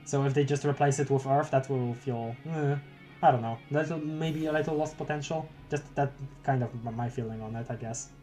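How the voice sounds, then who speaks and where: A young man live-streaming a webcomic read, rambling, stammering and talking straight to his chat. His voice sits at a mid pitch, and soft music runs underneath. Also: fairly even intonation, fairly quick. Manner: rambling, stammering, chatting with viewers. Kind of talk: live-reading a webcomic aloud.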